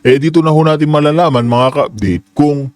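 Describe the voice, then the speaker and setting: A man's voice: a little high, brisk. A man hosting a political commentary channel, speaking heatedly and addressing his viewers politely.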